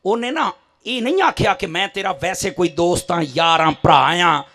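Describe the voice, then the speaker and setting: A man with a Punjabi accent preaching a fiery sermon to a gathering, swinging from low asides to shouted, impassioned climaxes. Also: moderate pace.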